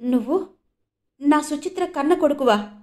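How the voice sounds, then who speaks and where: A woman's voice: fairly high pitch, moderate pace, a little mellow, close to an everyday voice. A woman narrator voicing an emotional, earnest middle-aged father who asks urgent, pleading questions.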